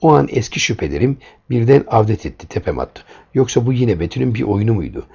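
A man's voice: mid-range voice, very animated, quick pace, gravelly, warm tone, breathy edge. A man reading a first-person story aloud in a tense, dramatic way, in a dull lo-fi recording.

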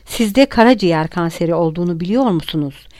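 A woman's voice: lowish voice, fast, no room sound, lightly acted. A woman reading the lines of a young man who mockingly and relentlessly taunts his enemy. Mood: taunting. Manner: mocking, relentless, eerily calm. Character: young male refugee, coldly taunting and vengeful.

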